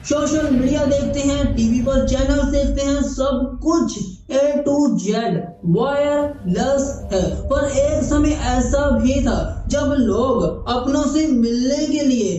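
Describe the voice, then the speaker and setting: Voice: high voice, heavy reverb, highs cut off, background noise. A facts channel narrator giving an earnest voice-over and addressing viewers directly.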